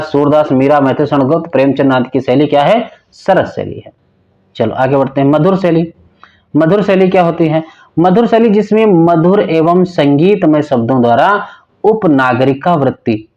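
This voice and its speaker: A man with a fairly high voice teaches an exam-prep lecture. He repeats key terms, urges students to remember them, and sometimes chants lines of verse slowly. The recording sounds dull and lo-fi. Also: darkish tone. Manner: recites verse slowly in a sing-song chant.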